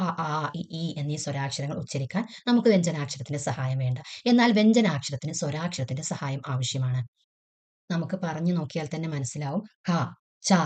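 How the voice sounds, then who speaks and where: A woman's voice: low voice, a little mellow. A woman teaching a patient lesson, asking questions and then answering them herself, sounding out letters one at a time. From Kerala. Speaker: Hindi teacher. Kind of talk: classroom-style lesson explanation.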